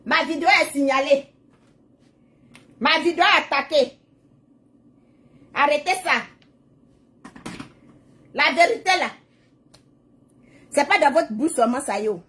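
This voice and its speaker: High-voiced woman ranting on a livestream. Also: a bit bright, a little hiss or hum. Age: adult, mother of children. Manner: emphatic and repetitive, drifting into prayerful preaching. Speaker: social media livestreamer. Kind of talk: casual live video monologue.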